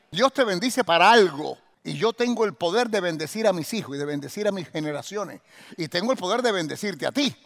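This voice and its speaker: High-voiced preacher in an echoing hall. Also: male voice. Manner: swings from quiet teaching to loud shouted exhortation; asks the congregation rhetorical questions. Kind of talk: sermon. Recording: long hall reverb.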